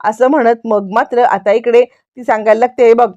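A woman retells a TV serial episode in a rambling way, looping through linking phrases. Her voice is high, and the recording is dry and close. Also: steady tone, normal speed, darkish tone, no room sound, dull audio. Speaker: serial recap narrator.

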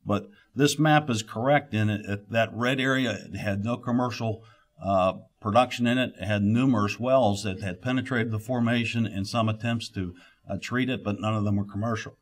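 Halting middle-aged man giving a keynote. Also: on the low side. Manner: halting, frequent "uh" fillers and restarts. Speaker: keynote speaker, exploration geologist. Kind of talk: conference keynote talk. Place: conference room, at a podium. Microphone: podium microphone.

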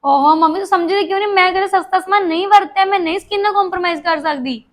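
An actress playing a defiant, spoiled new daughter-in-law in a short film, with a Punjabi accent and an argumentative manner. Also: female voice, very high voice, fast. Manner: sharp-tongued, argumentative. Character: defiant, spoiled young newlywed woman.

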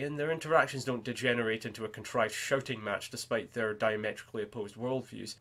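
A man's voice: mid-range voice, fairly bright tone. A man reading a scripted film review in a sardonic, wry manner.

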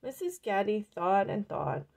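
Casting note: woman storyteller reading a picture book aloud, gravelly and creaky, mid pitch. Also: big pitch swings, unhurried, a little mellow.

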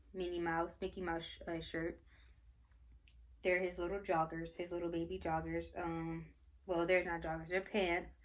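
With a lowish voice and slight background noise, a pregnant young woman from Michigan, United States, shows off baby clothes in a casual haul vlog. She rambles and gushes, using lots of filler words, and at one point is briefly out of breath.

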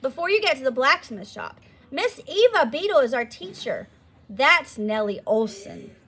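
A woman's voice: high-pitched, big pitch swings, normal speed, a bit bright, breathy edge, exaggerated voice. A woman reading aloud and voicing a friendly, chatty schoolgirl who talks in a welcoming way.

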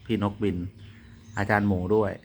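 A man talking politely and in a measured way in casual radio chat over a walkie-talkie. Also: on the low side, level tone, slight background noise. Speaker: amateur radio operator.

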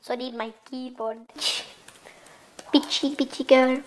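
A woman's voice: high-pitched, steady tone, takes it slowly, low-quality recording. A young woman giving crude, comedic commentary over a game, swearing constantly in a bratty manner. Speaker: gamer.

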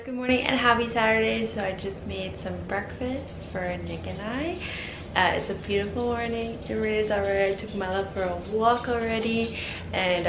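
A woman's voice: mid-range voice, background noise. A young woman in her twenties chatting upbeat to a camera held at arm's length, vlogging about her workouts and meals. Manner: chatty, upbeat, talks straight to camera with many "like"s. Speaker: fitness vlogger. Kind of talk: casual vlog chat. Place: apartment and gym, indoors.

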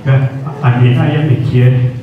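A man's voice: high-pitched, animated, a little fast, voice pushed up. A man voicing a simple-minded, lonely young man who pleads in a childlike way. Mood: sad. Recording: echoey hall from far off, dull.

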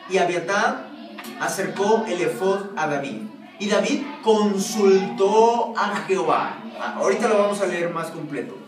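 Pastor preaching in an echoey hall. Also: male voice, high-pitched, animated, a little slow, crowd noise. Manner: asks the congregation frequent questions. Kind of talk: sermon. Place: church hall. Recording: echoey room from far off, noisy.

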